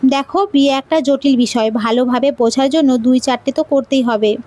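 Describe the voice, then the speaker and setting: A woman's voice: high voice, normal speed, lightly acted. A woman voicing an affectionate young husband who jokes and teases his wife. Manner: gently teasing.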